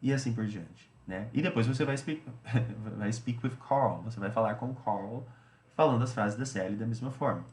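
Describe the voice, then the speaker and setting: A man's voice: fairly low pitch, normal speed, darkish tone, echoey room. A man teaching English, explaining a study routine in a chatty way, often repeating himself and tagging phrases.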